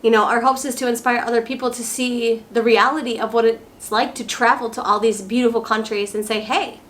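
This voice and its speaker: A woman's voice: a little high, fairly even intonation, a little fast, fairly bright tone. Tipsy woman, chatty and playful. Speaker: travel vlogger. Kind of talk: casual chat, Q&A.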